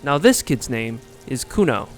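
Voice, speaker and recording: A man's voice: mid-range voice, sing-song, unhurried, soft background music. Sarcastic man narrating a video essay. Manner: sarcastic, joking. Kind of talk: scripted commentary.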